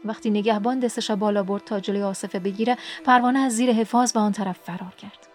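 A woman hosting a book podcast, reading a story aloud in an expressive way and sinking to a whisper in sad parts. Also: medium pitch, faint music behind. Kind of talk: scripted audiobook narration.

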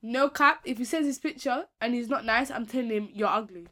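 A woman in her twenties with a London accent tells stories in a casual, animated chat, full of slang and repeated words for emphasis. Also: fairly high pitch, fairly quick.

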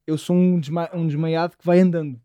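A man's voice: a little high, steady tone, fairly quick, warm tone, smooth, no room sound. A young man telling rambling, slangy, self-deprecating stories casually among friends. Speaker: podcast co-host.

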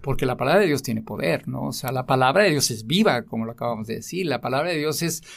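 A man with a Mexican accent talks about his faith in a loose, rambling way. His voice sits at an ordinary middle pitch, and he keeps leaning on fillers and tag questions. He sounds earnest and gets animated when he stresses a point. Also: fast, gravelly. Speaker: guest sharing his faith. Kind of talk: casual faith conversation.

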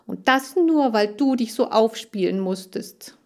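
An agitated young girl in an audiobook, as a woman reader puts her on. Her voice rides high and pushes hard, pleading and tearful. The lines come out strained and urgent. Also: lively intonation, a little slow, vocal fry. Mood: upset. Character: upset, tearful girl caring for farm animals.

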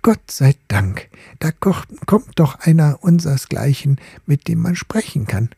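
A man voicing a haughty, coy little ball, a proud lady, in a fairy-tale reading, prim and partly breathy. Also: on the high side, sing-song, a little slow, warm tone, no echo, clean studio sound, voice pushed up, heavily acted. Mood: relieved.

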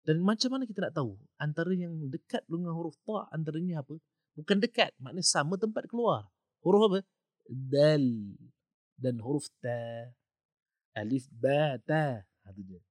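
A man's voice: a little high, lively intonation, moderate pace, darkish tone, no echo, clean studio sound. A man with a Malaysian accent hosting a podcast lesson on tajwid, patiently repeating himself and sounding out Arabic letters. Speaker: tajwid teacher, podcast host.

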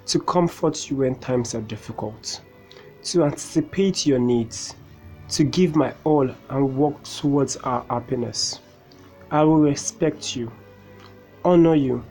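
A man playing a domineering husband who berates his wife in repetitive rants, with faint music behind. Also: extremely high pitch. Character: domineering, ranting young husband.

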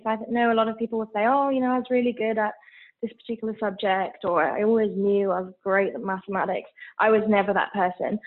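A woman in her thirties from Switzerland with a mixed international English accent, chatting candidly as an interview guest, with many fillers. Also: fairly high pitch. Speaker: guest, founder of a business. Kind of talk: casual interview. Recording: tinny phone-like line.

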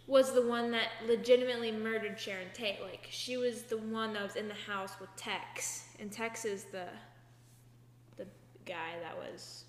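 A woman's voice: a little high, steady tone, normal speed. Chatty young woman in an echoey room. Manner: chatty, many fillers, rambling retellings. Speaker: podcast co-host. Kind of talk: casual chat. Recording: echoey room with long reverb, faint hum.

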